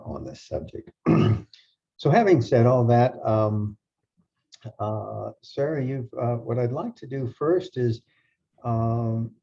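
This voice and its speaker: A man moderating a panel discussion, halting with many fillers and restarts. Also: low voice, warm tone. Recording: dull lo-fi sound.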